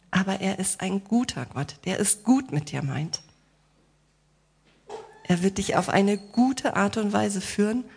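Speaking directly to the congregation, a woman preaches with rhetorical questions, playful digressions and soft reassurance. She has a husky, medium-pitched voice.

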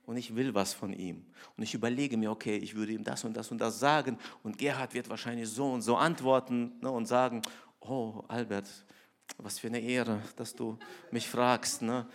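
A middle-aged man preaching a conversational sermon, acting out voices and swinging between hushed asides and loud emphasis. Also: mid-range voice, steady tone, normal speed. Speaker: pastor.

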